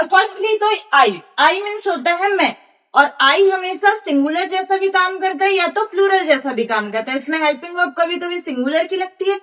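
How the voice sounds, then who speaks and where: A woman's voice: extremely high pitch, fairly bright tone. A woman teaching a grammar lesson, explaining patiently and spelling out examples one by one.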